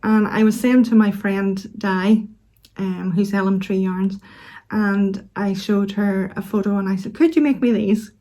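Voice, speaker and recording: A woman in middle age speaks with a Northern Irish accent in a soft-toned, mellow voice. She chats casually to her viewers in a gentle, unhurried way, pausing as she finds her words. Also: mid-range voice, level tone. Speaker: knitting vlog host. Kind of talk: casual chat to camera.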